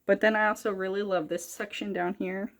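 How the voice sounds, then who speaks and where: A woman's voice: mid-range voice, level tone, fairly quick. A young woman talking casually about her cross-stitch projects, rambling and correcting herself as she goes. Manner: chatty, rambling, self-correcting. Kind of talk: casual chat.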